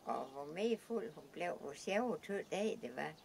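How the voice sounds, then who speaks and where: An older woman with a South Jutlandic Danish accent, telling stories from her youth in a hesitant, halting way with many restarts. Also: deep voice, lively intonation, creaky, a little mellow, a little hiss or hum. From Southern Jutland, Denmark. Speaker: interviewee recalling her youth. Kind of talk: casual oral-history storytelling.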